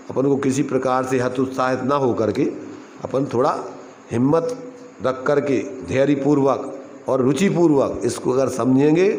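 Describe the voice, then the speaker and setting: A man teaching a scripture class. He keeps asking his listeners questions and chants a verse line slowly. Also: mid-range voice, darkish tone, a little hiss or hum. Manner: asks the audience questions again and again, chants a couplet slowly. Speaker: religious teacher. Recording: roomy hall with faint ambience.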